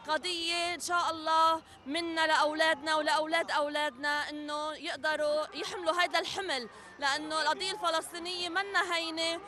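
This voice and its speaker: A protester speaking quickly and earnestly in a street interview. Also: very high-pitched, bright, forceful tone.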